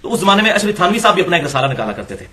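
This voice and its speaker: A man's voice: high-pitched, sing-song, sharp tone. A man giving an Islamic lecture, reading passages from books and challenging them with rhetorical questions. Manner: argumentative, rhetorical questions, critiquing texts. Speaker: religious lecturer.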